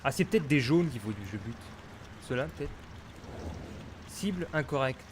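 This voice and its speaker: A man's voice: medium pitch, lively intonation, normal speed, a little hiss or hum. Muttering man playing a game. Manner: mutters to himself, grumbling and puzzled. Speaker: gamer streamer. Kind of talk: casual let's-play commentary.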